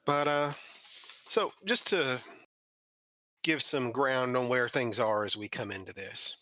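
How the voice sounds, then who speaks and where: Man, podcast host, sardonic, mocking, bright tense voice, dry close sound. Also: medium pitch, moderate pace, dry recording. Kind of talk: scripted monologue then casual chat.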